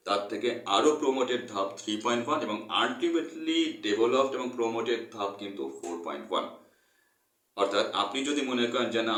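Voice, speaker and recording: A man explains a textbook lesson, earnest and repetitive, with a low voice. He sits back from the mic in a roomy, echoey space. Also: fairly bright tone, distant mic. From Bangladesh. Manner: earnest, repeats points, mixes English terms. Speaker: English teacher.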